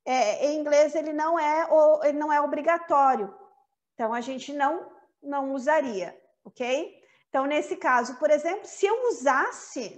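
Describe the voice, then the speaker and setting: A woman whose first language is Portuguese, with a Brazilian accent, teaching an online English lesson, switching between English and Portuguese and reciting lines slowly. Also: high-pitched. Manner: slow, carefully paced recitation.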